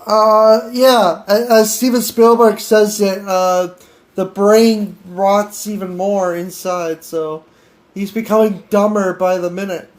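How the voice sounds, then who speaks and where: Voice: mid-range voice, fairly even intonation, takes it slowly. A podcast host chatting casually with an AI, giggling and stammering through restarts. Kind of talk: casual improvised chat with an AI.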